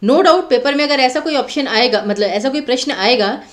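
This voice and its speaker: A woman teacher with a fairly high voice that rises and falls a lot as she walks through exam questions. She explains each option step by step and repeats words to stress their spelling. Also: lively intonation, normal speed. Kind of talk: exam prep lecture.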